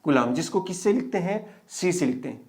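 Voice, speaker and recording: Guy a high voice teaching physics, keeps asking himself questions and answering. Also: animated, brisk. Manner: asks questions and answers them himself, repeats key terms. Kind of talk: classroom physics lesson.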